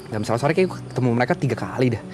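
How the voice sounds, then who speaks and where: A man's voice: medium pitch, lively intonation, very fast, background noise. Reflective man. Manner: reflective, hesitant with many fillers. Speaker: guest. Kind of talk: casual interview.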